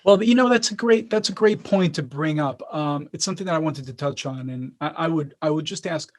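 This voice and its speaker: Lively, restless man hosting an interview. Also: on the high side, fairly quick. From Israel. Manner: lively, repeats and restarts words when asking questions. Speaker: host. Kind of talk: casual interview.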